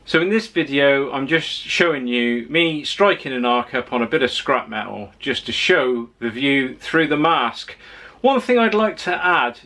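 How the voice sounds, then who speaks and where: A man's voice: medium pitch, fairly bright tone. Plain-spoken man reviewing tools. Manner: plain-spoken, practical, advice-giving. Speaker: tool reviewer. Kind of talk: casual product review. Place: home workshop with tools on the wall.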